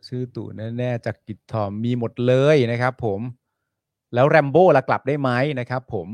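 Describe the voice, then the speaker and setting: On a casual live stream, a male co-host with a mid-range voice speaks at normal speed, animated and teasing as he reads out viewer comments and breaks into sudden excited bursts. The recording is dry.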